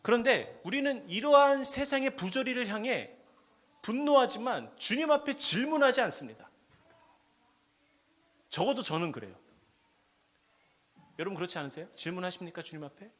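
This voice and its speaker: A man preaching a sermon at a prayer meeting, asking the congregation questions and swinging between quiet asides and loud, impassioned cries. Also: high voice, lively intonation, normal speed, pauses often.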